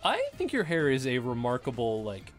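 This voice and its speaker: A man's voice: medium pitch, huge pitch swings, normal speed, faint music behind. Enthusiastic man co-hosting a game stream. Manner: enthusiastic, playful commentary on character creation. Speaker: let's play co-host. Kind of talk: casual gameplay chat on a live stream.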